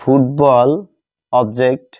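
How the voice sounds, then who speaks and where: Speaking very slowly with a Bengali accent, this male teacher explains English grammar bilingually. He has a medium-pitched, slightly mellow, flat voice and dictates deliberately, one word at a time, repeating himself, captured in a dry, dull, lo-fi recording.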